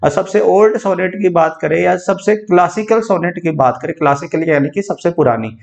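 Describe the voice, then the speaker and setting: A man's voice: sits high, normal speed, vocal fry. A male English literature teacher with a Haryanvi Hindi accent, lecturing students for an exam and mixing English terms into his Hindi while he asks and answers his own questions.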